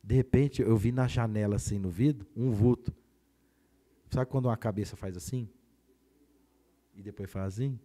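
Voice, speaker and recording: A man with a Brazilian Portuguese accent, a pastor telling a personal testimony in a podcast conversation, animated and acting out the voices of the people in his story. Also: lowish voice, moderate pace, long pauses. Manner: animated storyteller who acts out quoted voices.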